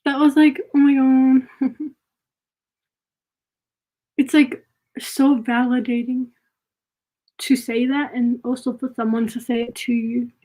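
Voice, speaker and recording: A woman's voice: sits high, level tone, takes it slowly, long pauses, warm tone, poor audio. A young woman streamer chatting casually and gushing while reacting to a trailer.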